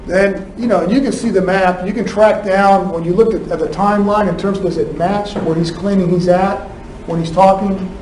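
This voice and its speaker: High-voiced prosecutor, echoey courtroom. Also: male voice, steady tone, moderate pace, darkish tone. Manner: argumentative, fires rhetorical questions at the jury. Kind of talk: courtroom closing argument. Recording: echoey courtroom, distant mic, faint room noise.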